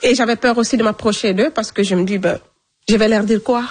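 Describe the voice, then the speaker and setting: A woman's voice: a little high, steady tone, brisk. A young adult woman telling the interviewer her own story in a plain, conversational way, repeating phrases and using spoken fillers. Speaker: interviewee recounting her migration. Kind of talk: personal testimony in conversation.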